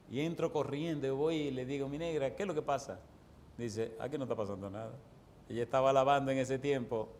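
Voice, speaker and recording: A man preaching as a pastor, telling a story with lively acted-out voices and bursts of laughter. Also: mid-range voice, slight background noise. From Dominican Republic. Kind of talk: storytelling sermon.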